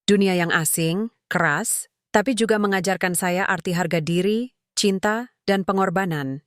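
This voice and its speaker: A woman narrating a scripted first-person story in a calm, measured way. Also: medium pitch, dry recording, clean studio sound.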